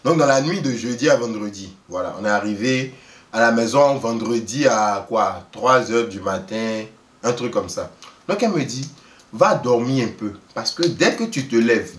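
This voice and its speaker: A man telling a story in a lively, casual way, often laughing and acting out the people he quotes. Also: medium pitch, moderate pace, far from the mic. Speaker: vlogger telling a travel story. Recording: roomy echo, voice away from the mic.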